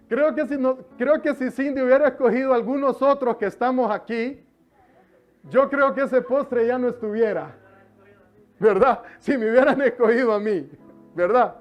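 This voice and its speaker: A man with a very high voice preaches a lively sermon, joking with the congregation and stretching words for emphasis. The sound is slightly dull, with soft music playing behind him. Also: measured pace, long pauses.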